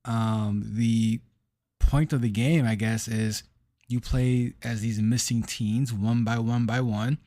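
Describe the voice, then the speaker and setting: Slow, halting man reviewing a game. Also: mid-range voice, steady tone, dark tone, no room sound, clean studio sound. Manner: slow, halting, searching for words. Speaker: gaming podcast co-host. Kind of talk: casual chat and game review.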